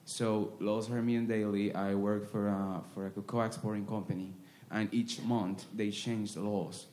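A man from Venezuela asking a question from the audience, speaking hesitantly with many pauses and restarts. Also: lowish voice, level tone, dark tone.

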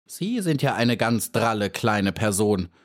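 A man voicing a sly, scheming old female spider in a storybook reading, with a croaky voice and a falsely polite, mocking manner. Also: fairly low pitch, expressive, measured pace.

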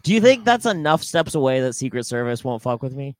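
A young man co-hosting a comedy podcast, his pitch swinging widely as he jokes and restarts his sentences. The sound is dry and close to the mic. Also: no room sound. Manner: animated, jokey, halting with restarts. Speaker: podcast co-host. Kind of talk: casual comedic chat.

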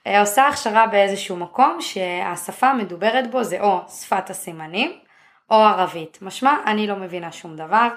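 A young woman co-hosting a podcast, chatting casually with wry, slangy, deadpan jokes. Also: mid-range voice. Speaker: podcast co-host. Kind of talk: casual chat among friends.

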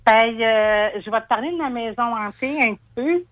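A Québécois woman calls in and tells her story in an earnest, matter-of-fact way. Her voice sits somewhat high. The sound is dry. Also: fairly quick, dry recording, lo-fi sound. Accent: Québécois French. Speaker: caller. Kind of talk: phone-in storytelling.

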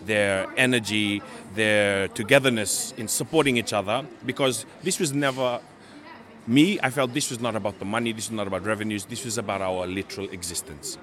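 A man from Fiji, giving earnest interview answers and pausing to search for words. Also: lowish voice, fairly bright tone. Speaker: Pacific island campaigner interviewed at a meeting.

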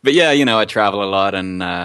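A man's voice: fairly low pitch, animated, fast, fairly bright tone, clean tone, no echo, clean studio sound. Easygoing Englishman with an Aussie twang. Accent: English with an Australian twang. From England. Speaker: podcast guest, musician. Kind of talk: casual interview chat.

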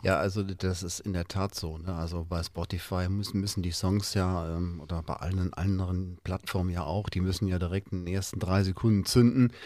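Host: lowish male voice, dry close recording, halting and filler-heavy. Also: steady tone, darkish tone, no echo. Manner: hesitant, many fillers. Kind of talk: casual chat.

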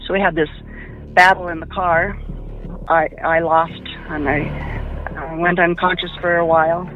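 A woman giving personal testimony about an attack she survived, in a quiet, halting way. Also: lowish voice, little pitch movement. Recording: muffled lo-fi with faint music.

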